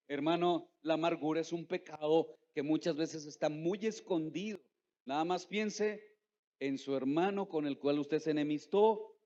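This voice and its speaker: A pastor delivers an emphatic sermon in a fairly high male voice, firing questions at the congregation and drawing out words he wants to land. The sound is dull and lo-fi, with a long church reverb trailing behind him. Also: a little mellow. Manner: slows down to stress key words. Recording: echoey hall, dull lo-fi sound.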